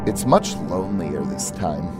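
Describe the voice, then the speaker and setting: A man with a low voice narrates a tabletop game as its game master, setting scenes in a calm, descriptive way with soft pauses. Loud music plays under his voice. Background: loud background music.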